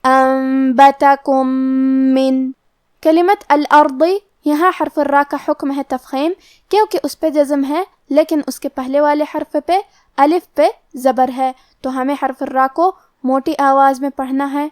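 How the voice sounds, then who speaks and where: A woman's voice: high-pitched, steady tone, a little mellow, no room sound, clean studio sound. A woman teaching Quran recitation, methodically explaining the pronunciation rule for each letter step by step. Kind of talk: tajweed lesson, explaining pronunciation rules.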